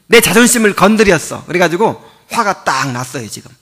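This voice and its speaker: A man's voice: high-pitched, big pitch swings, a little fast, fairly bright tone. A male pastor giving a sermon in a conversational, explaining way, asking his listeners rhetorical questions and chuckling often. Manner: chuckles often while teaching.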